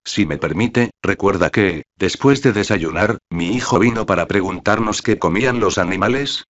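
A strict middle-aged astronomer, measured and coldly polite, as a man reads him. Very deep tone on a dull, lo-fi recording. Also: a bit bright, natural voice.

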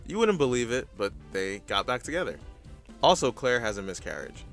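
A man's voice: medium pitch, sing-song, a little fast, creaky, fairly bright tone, soft background music. A man hosting a recap video with casual scripted commentary, blunt, opinionated and sweary.

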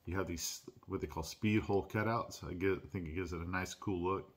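A man hosting his own channel, unboxing and reviewing a pocket knife in a relaxed, chatty way with lots of "uh"s and restarts. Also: sits low, brisk. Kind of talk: casual unboxing and product review. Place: at home.

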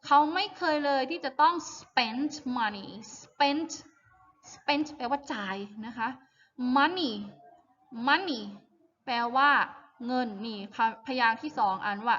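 Thai-accented woman teaching phonics slowly. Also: sits high, a bit bright, lo-fi sound. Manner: reads each word twice slowly for pupils to repeat; mixes Thai explanations with English words. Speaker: primary school English teacher. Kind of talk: online phonics lesson.

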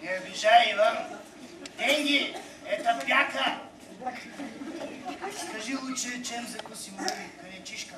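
Tipsy, generous city traveller for stage comedy, played by a man: very high voice, theatrical, heard from afar in an echoey hall. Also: measured pace, long pauses, distant mic, noisy background. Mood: tipsy, musing. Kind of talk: comic stage acting. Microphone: far camera in the audience.

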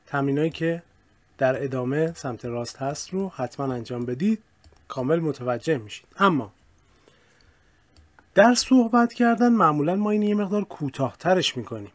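A male teacher explaining grammar in a casual way and reading example sentences slowly and clearly. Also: on the high side, lively intonation, no echo. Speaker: English teacher. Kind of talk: recorded language lesson.

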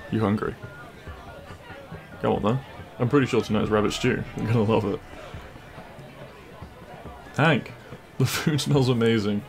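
A cheerful man plays a cheeky, kind-hearted bandit prince in an intimate audio roleplay, his gravelly voice teasing and reassuring. He speaks at a fairly low pitch, unhurried and with long pauses, while soft music and some chatter sound behind him.

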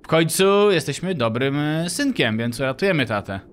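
Playful high-voiced gaming host. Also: male voice, sing-song, moderate pace, a little hiss or hum. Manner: playful, reacts with exclamations. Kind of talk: let's-play commentary reading game dialogue.

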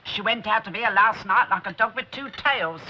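A woman's voice: medium pitch, moderate pace, pushed and bright. An actress playing a down-to-earth, hesitant middle-aged London woman in a television drama, plain-spoken and a little defensive. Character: down-to-earth, hesitant, touchy working-class London lady. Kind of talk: 1960s television drama acting. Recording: dull old TV soundtrack.

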